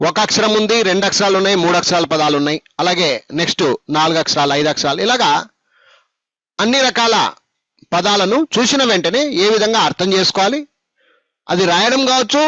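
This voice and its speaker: A man's voice: sits high, a bit bright, no room sound. A man teaching spelling, patient and repetitive, drilling letters and speaking straight to his students. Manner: patient, repeats and drills, addresses students directly. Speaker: spoken English teacher. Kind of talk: classroom lesson, spelling out letters. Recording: dull, dry lo-fi recording.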